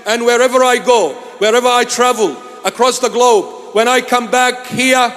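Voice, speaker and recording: A man from Iraq, a bishop, preaching a sermon in a large church hall. He speaks emphatically, repeating his phrases and sometimes breaking into shouts. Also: very high voice, fairly even intonation, moderate pace. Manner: emphatic and repetitive, bursts into shouts. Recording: long hall reverb.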